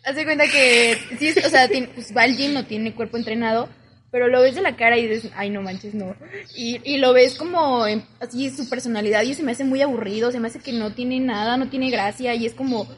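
A young woman with a Mexican accent, co-hosting a casual podcast chat and telling stories in a chatty, animated way. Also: fairly high pitch, a little fast, slight background noise. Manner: chatty, animated storytelling with many fillers. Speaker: podcast co-host.

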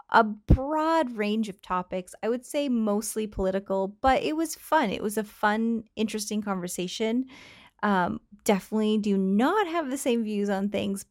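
A woman's voice: on the high side, dry recording, clean studio sound. A woman hosting a solo podcast, chatting candidly, swearing casually and laughing often. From Canada.

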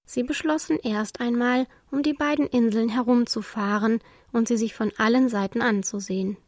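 Female storybook narrator, higher pitch, dry close sound, calm and expressive. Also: moderate pace, no room sound. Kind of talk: storybook reading for children.

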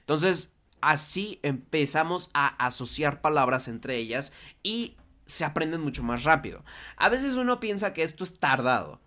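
A man's voice: a little high, animated, moderate pace, bright, forceful tone. Friendly man teaching a memory trick. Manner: conversational, asks rhetorical questions often. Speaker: language teacher. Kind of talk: casual explanatory lesson.

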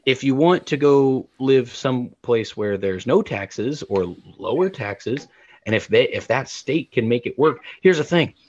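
A man's voice: mid-range voice, expressive, a little slow, darkish tone, dry recording. Heated ranting man, dull dry sound. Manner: heated, ranting, repeats words for emphasis. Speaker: podcast co-host. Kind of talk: heated opinion talk.

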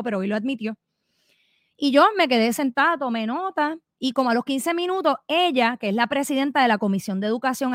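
A middle-aged woman with a Puerto Rican accent delivers a fiery opinion monologue. She speaks emphatically and combatively, turning directly to her listeners. Her voice sits fairly high and sounds close and dry. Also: fairly bright tone, no room sound. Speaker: political commentator and elected delegate.

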